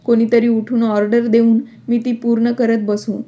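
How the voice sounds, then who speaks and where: A woman voicing a quick-tempered, defiant young married woman in a storybook reading, in a flat read-aloud delivery. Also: fairly high pitch, dull audio, natural voice.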